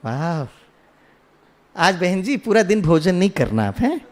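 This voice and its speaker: A man's voice: high-pitched, big pitch swings, measured pace, darkish tone. A man giving a spiritual talk, telling a story and asking the audience questions, slipping English phrases into his speech. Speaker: spiritual speaker.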